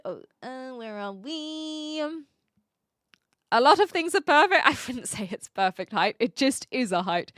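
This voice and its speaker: Animated high-voiced young woman, mixed Kiwi-tinged English accent. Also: clean tone, dry recording, clean studio sound. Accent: mixed English-dialect accent with some New Zealand. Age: 20s. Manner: playful, self-deprecating, chatty. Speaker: live streamer. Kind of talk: casual live-stream chat, reading out viewer comments and replying.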